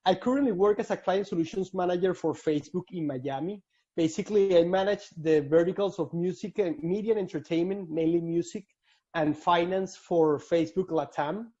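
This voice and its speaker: A man's voice: high voice, brisk, warm tone. A man in his thirties from Venezuela with a Venezuelan Spanish accent, giving an earnest slide talk over a video call with frequent restarts. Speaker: alumni speaker. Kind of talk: casual slide presentation. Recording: dull lo-fi call audio.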